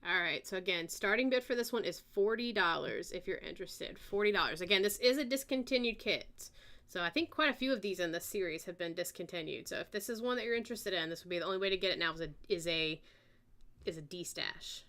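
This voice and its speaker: Bright-voiced Southern woman hosting an auction. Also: on the low side. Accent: American Southern. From American South. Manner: chatty, unhurried, reads out bids and details. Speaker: live auction host. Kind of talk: live-stream auction chat.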